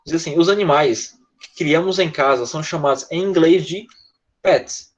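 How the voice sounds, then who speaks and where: A man's voice: fairly high pitch, normal speed, muffled recording. A man with a Brazilian Portuguese accent teaching English in an online class, patient and repetitive, often checking with his students.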